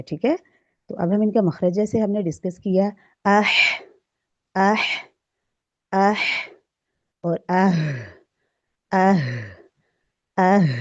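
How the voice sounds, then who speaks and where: A woman with a lowish, mellow voice gives a recorded recitation lesson. She draws out each letter sound with care and keeps asking if it is clear. The recording is dry and a little dull, like a lo-fi home setup. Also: no echo. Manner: demonstrates letter sounds slowly, often checks understanding. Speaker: Quran recitation teacher.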